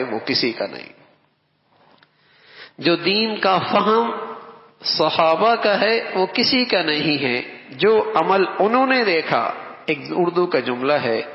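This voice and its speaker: A man's voice: medium pitch, vocal fry. A man preaching a sermon who repeats key phrases for emphasis and recites quotations in Arabic. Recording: echoey hall, dull lo-fi sound.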